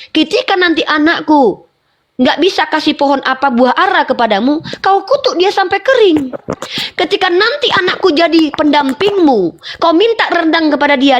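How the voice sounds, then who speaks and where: A woman with a Minangkabau-tinged Indonesian accent in a heated debate. She talks in a theatrical, animated way and acts out imagined dialogues. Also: high voice.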